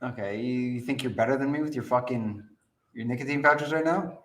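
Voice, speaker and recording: A man's mid-range, slightly bright voice moves briskly as he co-hosts a podcast. He chats casually, riffing, joking around, and swearing freely.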